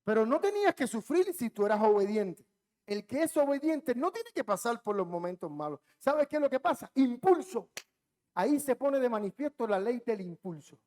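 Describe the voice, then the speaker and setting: A male pastor preaching a sermon in a church, repeating phrases and building up to loud, emphatic peaks. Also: extremely high pitch, sing-song, moderate pace. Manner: impassioned preaching with heavy repetition.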